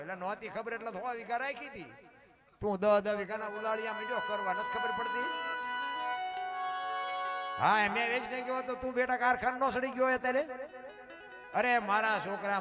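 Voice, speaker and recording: A man with a Kathiawadi Gujarati accent giving an emphatic dayro moral talk to a seated audience. He moves from soft asides to loud, preachy declamation and keeps calling his listeners "bapu.". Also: high voice. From Gujarat, India. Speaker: folk dayro speaker. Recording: live talk over clear instrumental music. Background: instrumental music playing under the talk.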